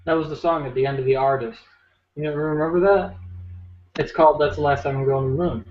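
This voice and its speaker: A man's voice: on the high side, fairly even intonation, fast. Joking, profane man on a podcast. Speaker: podcast co-host. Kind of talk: casual podcast banter. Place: home room, dogs nearby. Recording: roomy, dull lo-fi podcast audio with faint noise.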